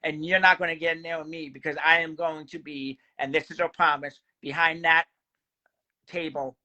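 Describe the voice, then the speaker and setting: Bright-voiced man, defiant and earnest. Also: a little high, flat delivery, normal speed. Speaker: ring announcer and fundraiser. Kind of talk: trash-talking phone promo. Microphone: phone call.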